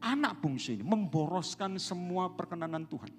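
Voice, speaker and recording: Lively preaching man in a church hall. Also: high voice, a little fast, faint music behind. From Indonesia. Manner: lively preaching, calls to the congregation. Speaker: pastor. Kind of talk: sermon.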